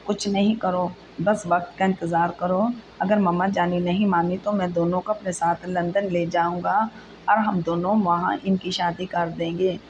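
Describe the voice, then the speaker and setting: Lady reading a loving young husband, soft and steady, low flat tone, hiss behind. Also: moderate pace, lo-fi sound, lightly acted. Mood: reassuring. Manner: tender, reassuring. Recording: steady background noise.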